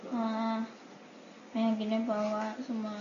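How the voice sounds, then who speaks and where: A young girl student giving short, quiet answers to her teacher in class. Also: a little high, completely flat delivery, slow pace. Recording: noisy lo-fi classroom recording.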